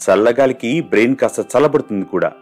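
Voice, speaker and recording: A man voicing Nair, a scheming middle-aged male chess player who hides murder behind brisk, friendly talk, in a storybook reading. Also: medium pitch, darkish tone, faint music behind, natural voice. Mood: breezy.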